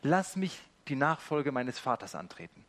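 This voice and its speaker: A man's voice: medium pitch, sing-song, moderate pace, a bit bright. A man voicing a young male heir who pleads to claim his property before following. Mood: pleading. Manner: pleading and possessive.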